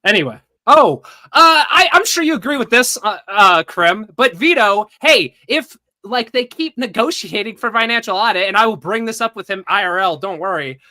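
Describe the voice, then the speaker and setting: High, bright-voiced ranting podcast man. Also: animated, normal speed, few pauses, no echo. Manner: profane, ranting, mimics other people. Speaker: podcast host. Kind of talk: casual podcast chat.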